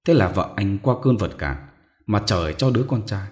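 Expressive low-voiced male storyteller. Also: moderate pace. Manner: expressive, dramatic reading. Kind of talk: scripted narration.

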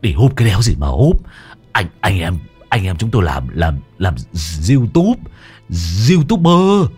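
A cowardly young addict who stammers and whimpers, begging in a very deep, husky voice, as a man puts him on in a ghost-story telling. Soft music plays underneath. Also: animated, normal speed. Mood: flustered.

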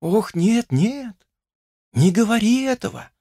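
Brief: tender young forest girl, read by a man, soft, quietly insistent, raised airy voice. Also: sits high, very animated, slow pace, dry recording, studio quality, pitched above the performer's own voice, full character voice. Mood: tender, fearful. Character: young forest woman, gentle, fatalistic.

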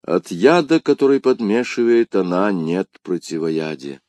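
A man voicing a grave musketeer who speaks low in a hoarse, restrained voice. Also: animated, measured pace, darkish tone, no echo. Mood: grim. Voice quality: hoarse whisper. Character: grave older male musketeer, grim and restrained.

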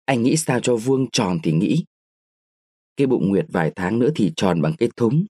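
A man's voice: on the low side, animated, normal speed, mellow, husky, no room sound, studio quality. A man reading a story, voicing a proud young woman of eighteen who pleads and reproaches her lover. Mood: reproachful pleading.

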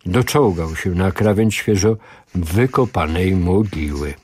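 A man reading a novel aloud on the radio, with lively, expressive storytelling. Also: low voice, a little slow, husky, no room sound. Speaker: radio reader. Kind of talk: dramatic audiobook reading on radio.

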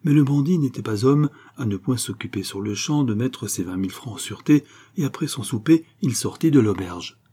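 A man's voice: mid-range voice, lively intonation, brisk, hardly any pauses, warm tone, breathy edge. A man reading a classic novel aloud as an audiobook narrator, lifting his voice for the dialogue.

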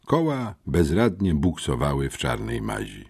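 A man narrating an adventure audiobook in the first person with expressive storytelling. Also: a bass voice, unhurried, vocal fry, slightly rough.

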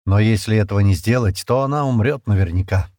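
A man's voice: lowish voice, fast talker, no echo, studio quality, lightly acted. A male reader voicing a determined young man who speaks firmly and urgently, giving orders. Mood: urgent insistent. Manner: firm, forceful, urgent. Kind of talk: audiobook character voicing.

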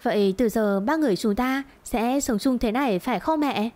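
A woman voicing a spoiled young woman who is whiny and gloating, with a shrill edge in a storybook tale. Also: normal speed, darkish tone, lightly acted. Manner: whiny, shrill when scared.

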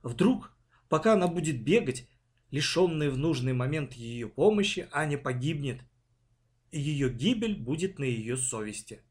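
A man narrating a children's story in a dramatic, expressive reading. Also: a little high, moderate pace.

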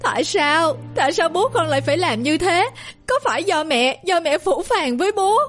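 A woman's voice: extremely high pitch, lively intonation, moderate pace, pitched above the performer's own voice. A woman voicing a grieving middle-aged mother, tearful and pleading in an audio story. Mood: anguished sobbing.

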